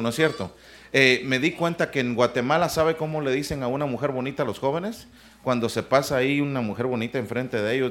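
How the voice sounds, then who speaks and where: A man preaching a sermon in a church, lively, with humorous asides and questions to his listeners. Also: mid-range voice.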